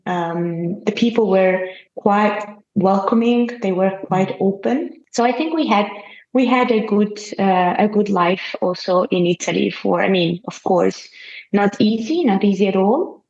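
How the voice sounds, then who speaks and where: A woman's voice: mid-range voice, steady tone, measured pace, creaky, darkish tone, roomy sound, lo-fi sound. A woman from Albania, a guest in an interview, speaking hesitantly and modestly, with fillers and restarts. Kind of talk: casual interview conversation.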